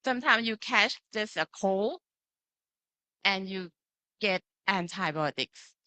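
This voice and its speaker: A Thai pharmacy lecturer with a Thai accent gives an interactive online lecture with slides, using simple phrases and often checking that students follow. Her mid-range voice is expressive and sharp-toned, her pace slow, and the recording dry.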